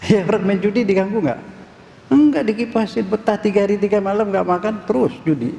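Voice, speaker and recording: A man's voice: sits high, fairly quick, creaky, mellow. A man preaching a casual dawn sermon in a mosque, quizzing the audience and repeating key words. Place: mosque hall. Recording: echoey mosque hall, faint noise.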